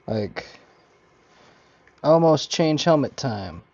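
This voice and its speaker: A man's voice: medium pitch, animated, extremely slow, creaky, a little mellow, highs cut off. A man chatting casually on a livestream in half-muttered, rambling asides, his voice coming from inside a costume helmet. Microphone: talking from inside a costume helmet.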